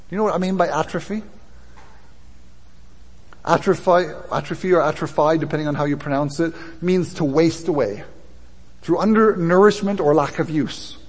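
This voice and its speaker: A male pastor preaching a sermon to his congregation in a church hall, building from quiet, low passages to loud, impassioned ones. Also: slightly rough. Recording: long reverb of a hall.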